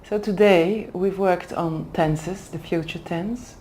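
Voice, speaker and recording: Speaking Dutch as her first language, an executive development manager answers interview questions in a second language at a language school in Oxford. Her tone is deep and mellow with fairly even intonation, and she's careful and hesitant, pausing to find words. The audio carries a little hiss or hum.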